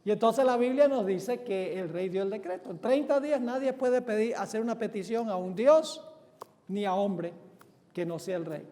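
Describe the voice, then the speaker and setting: A male pastor delivers a sermon with a high voice. He keeps asking the congregation questions and answering them, and pushes hard on key words. His voice rings with the long reverb of a large church hall. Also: moderate pace. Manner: emphatic, swells loud on key words.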